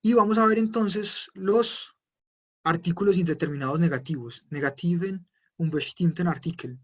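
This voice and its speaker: Man, language teacher, live online class, patient explanations, high voice, dull lo-fi sound. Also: normal speed. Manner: patient explaining, answers viewer questions. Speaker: German teacher.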